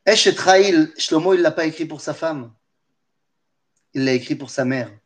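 A man giving a lesson as lively storytelling, with humorous asides and questions to his listeners. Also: a little high, moderate pace. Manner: animated, humorous asides, talks to listeners directly. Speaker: teacher of Torah.

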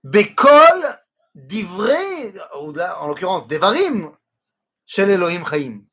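A man teaching a Torah lesson, explaining words slowly and weaving in Hebrew quotations. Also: sits high, big pitch swings, a bit bright.

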